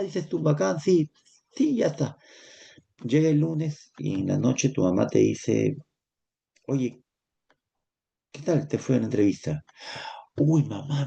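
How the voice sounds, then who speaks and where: A male psychology teacher with a Peruvian Spanish accent, lecturing lively and acting out little dialogues in character voices. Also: medium pitch, creaky, breathy edge, muffled recording. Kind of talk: lecture with acted examples.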